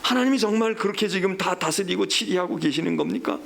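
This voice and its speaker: A male pastor giving a Bible study lecture, acting out God and the people in lively, casual speech. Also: sits high, fast, gravelly, slight background noise.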